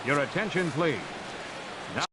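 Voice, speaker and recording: A man voicing a formal ballpark announcer heard over a stadium PA loudspeaker, calling names in a slow, drawn-out, sing-song way. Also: a little high, lively intonation. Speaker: stadium public address announcer. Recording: distant PA over loud crowd noise.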